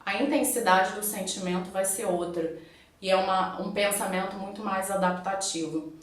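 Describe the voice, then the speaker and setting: A Brazilian woman psychologist explains a method patiently, step by step, with worked examples. Her voice sits at a middle pitch and carries a strong echo. She sounds set back from the microphone in an indoor room. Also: fairly even intonation, moderate pace. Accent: Brazilian Portuguese. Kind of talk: explanatory online video lesson. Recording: very echoey room, voice far from mic.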